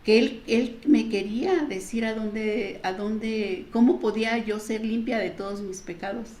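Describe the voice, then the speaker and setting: Mexican lady, middle-aged, slowly telling her testimony, acts out the dialogue, roomy echo. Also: darkish tone. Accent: Mexican Spanish. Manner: storytelling, acting out quoted dialogue with pitch jumps. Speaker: church member giving testimony. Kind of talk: personal testimony.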